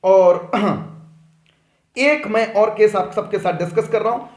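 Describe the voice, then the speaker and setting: High-voiced man teaching an online class. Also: slow, reverberant. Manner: questioning students, coaxing answers. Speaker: commerce teacher.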